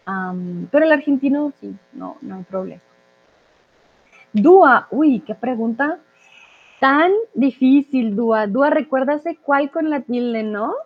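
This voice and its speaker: A chatty woman from Colombia hosts a live language chat, reading viewer questions and answering them with plenty of "eh" fillers. Her voice sits a little high. The sound is thin and narrow, like a phone line. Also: lively intonation, slow pace.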